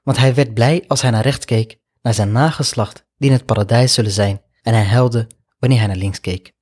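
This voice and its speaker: A man with a slightly husky, breathy voice delivers a sermon as a story. He speaks in an earnest, reflective way and keeps a middle pitch, often adding Arabic honorifics as he goes. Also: normal speed, darkish tone. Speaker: Islamic preacher.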